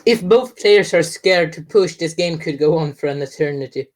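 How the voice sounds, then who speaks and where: A woman with a low voice commentates live on a strategy game. She walks through each move calmly and readily agrees with the others. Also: moderate pace. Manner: agreeable, explains the play step by step. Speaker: esports commentator.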